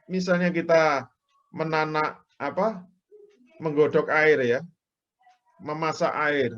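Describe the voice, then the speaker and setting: A man delivers an Islamic lecture in a somewhat high, bright voice, keeping his intonation fairly even and taking his time. He explains everyday examples and acts out people's prayers, his speech tinged with an accent. The recording is dull and lo-fi.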